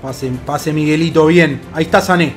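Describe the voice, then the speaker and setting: A man with a Rioplatense Spanish accent calls his own football video game match live, excitedly cursing and shouting at his players. His voice is a little high and fairly quick, with soft music in the background.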